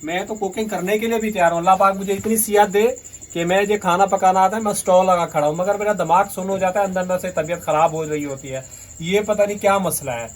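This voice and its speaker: A middle-aged man with a hoarse voice, chatting as he hosts a family cooking vlog at home. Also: sits high, fast, low-quality recording. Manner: warm greetings, chatty and teasing. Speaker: vlog host. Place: home kitchen.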